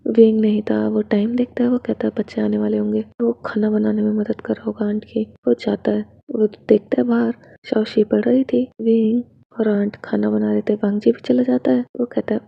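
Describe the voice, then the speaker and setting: A woman reads a romance story aloud and speaks every character's lines herself. Her slightly high voice is heavily gravelly and husky. The sound is dry, close and dull, like a lo-fi home recording. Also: no echo. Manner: switches between narration and characters with little change of voice. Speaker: fan fiction reader. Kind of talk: reading a romance story aloud, doing all parts.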